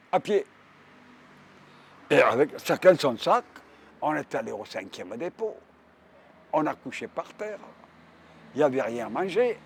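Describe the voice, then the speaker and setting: This oral history testimony comes from a war veteran in his nineties, a man from Provence, France, with a Marseille accent who describes his wartime memories vividly and with frequent repetitions. His voice leans high, husky and a little mellow.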